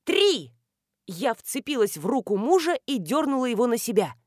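Woman audiobook narrator, lively storyteller, slightly high, dry booth sound. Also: fairly quick, no room sound. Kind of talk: scripted narration.

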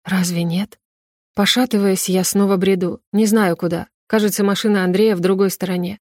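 A woman's voice: mid-range voice, steady tone, moderate pace, a little mellow, no room sound, clean studio sound. Young woman narrating an emotional audiobook. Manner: emotional, tearful first-person telling. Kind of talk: first-person scripted narration.

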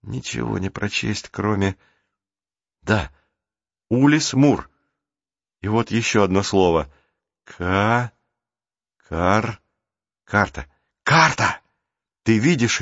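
A man reading the part of a shy, polite boy who gets excited by a discovery, in a dry, dull recording. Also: on the low side, slow, pauses often, dry recording.

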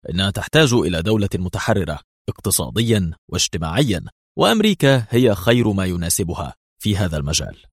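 Man doing a steady, decisive agent; low, husky, firm delivery. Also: no room sound, studio quality. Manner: firm, measured. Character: calm decisive male secret agent.

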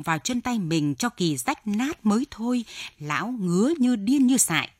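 A woman reading a story aloud in an expressive, dramatic narration. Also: lowish voice, no room sound, clean studio sound. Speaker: audiobook reader.

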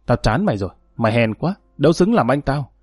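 A man's voice: medium pitch, big pitch swings, fast talker, breathy edge, no echo. A man reading an audiobook, voicing a hot-headed, scornful young male thug. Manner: scornful, snarling.

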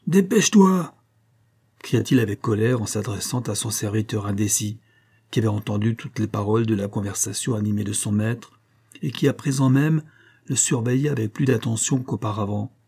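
A man narrating a classic novel as an audiobook in a measured, even storytelling manner. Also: on the low side, slightly rough. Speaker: audiobook reader.

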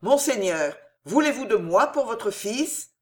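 A reader voicing a calm resolute young nobleman. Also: sits high, voice pushed up. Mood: solemn. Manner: firm, solemn, measured. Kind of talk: audiobook character reading.

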